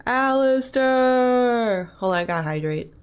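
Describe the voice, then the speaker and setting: Slow-talking woman game streamer. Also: lowish voice, creaky. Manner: reads in-game notes aloud, swears casually at enemies. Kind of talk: live gameplay commentary.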